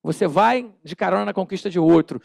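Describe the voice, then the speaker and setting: A Brazilian pastor preaching in a church, his voice pitched high with a rough, gravelly grain. He speaks in an animated way, acting out small scenes and calling on the congregation to repeat his words. The sound is dry and close, with little room echo. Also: a little fast. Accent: Brazilian Portuguese. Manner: calls on the congregation to repeat phrases. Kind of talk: sermon.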